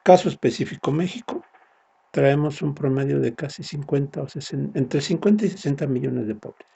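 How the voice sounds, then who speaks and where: Male lecturer, mellow gravelly delivery, explanatory with tag questions. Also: a little high, normal speed, highs cut off. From Mexico. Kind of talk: recorded university lecture.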